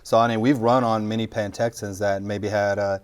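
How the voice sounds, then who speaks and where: A man's voice: fairly low pitch, level tone, fairly quick, clean tone. A middle-aged man, a fire captain joking through a casual interview. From Texas Panhandle. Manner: joking, self-deprecating, talks while chewing.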